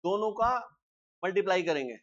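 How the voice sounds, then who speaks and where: A man teaching a live programming class, explaining step by step and often asking students quick check questions. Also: high voice, expressive, lo-fi sound. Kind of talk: live classroom coding lecture.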